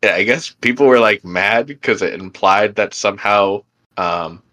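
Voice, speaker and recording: Bright-voiced young man rambling casually. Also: lowish voice, unhurried. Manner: rambling, filler-heavy, laughs easily. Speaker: podcast co-host. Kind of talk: casual chat.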